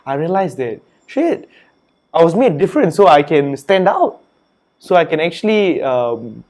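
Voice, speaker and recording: Appearing as an interview guest, this young author and entrepreneur from Singapore keeps things laid-back and talkative, peppering his speech with "you know" and "man". He has a slightly high voice.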